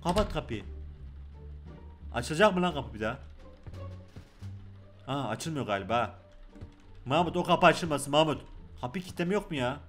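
Young turkish guy playing a horror game, high voice, loud and jokey, faint music behind. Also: moderate pace, pauses often. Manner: loud, joking, excitable, talks to the game baby. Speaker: gaming YouTuber. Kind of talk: let's play commentary.

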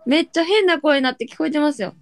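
Playful young woman, high voice. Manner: thanks viewers rapidly, playful. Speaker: livestream co-host. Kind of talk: casual livestream chat.

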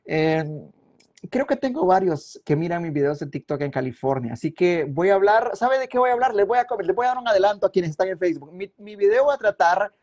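A man's voice: high-pitched, a little mellow. A man chatting casually on a live stream, reading viewer comments aloud and rambling from topic to topic. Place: home, at a computer.

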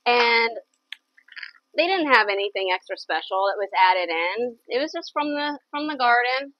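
A woman's voice: fairly high pitch, no room sound, highs cut off. A woman hosting a live cooking show in her kitchen, chatty and enthusiastic, often repeating herself. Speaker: cooking channel host. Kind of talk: casual live cooking chat. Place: home kitchen.

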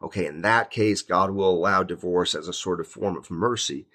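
A man preaching a sermon, reading scripture slowly and then explaining it in emphatic, informal words. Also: low-pitched, sharp tone.

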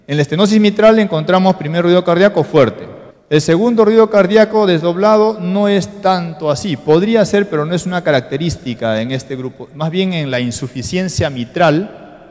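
A man's voice: on the high side, a little mellow. A man with a Peruvian Spanish accent teaching an exam-prep cardiology class, explaining step by step and putting rhetorical questions to the students. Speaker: medical lecturer. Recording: long hall reverb.

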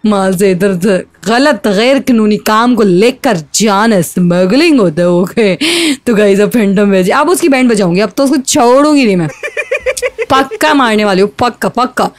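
A woman streamer giving excited, teasing gameplay commentary and trash-talking her rival. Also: mid-range voice, moderate pace, no room sound. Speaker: gaming streamer.

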